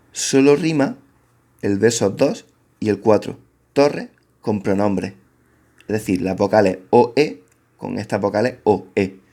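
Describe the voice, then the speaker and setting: Man, teacher explaining to a class, low-pitched, laid-back and chatty. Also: darkish tone. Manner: casual, colloquial teacher talk with slang and restarts. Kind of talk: explaining a lesson to students.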